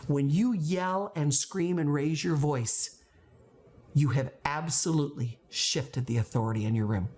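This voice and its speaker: Emphatic low-voiced woman teacher. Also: a little slow, a little mellow. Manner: emphatic, repeats words for stress, acts out quotes. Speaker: veteran teacher giving classroom advice. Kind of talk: direct-to-camera teaching talk.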